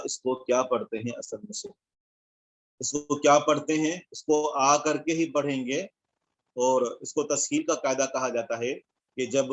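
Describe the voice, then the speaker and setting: A man's voice: mid-range voice, slight background noise. A man teaching an online Arabic grammar class, explaining step by step and checking in with his students.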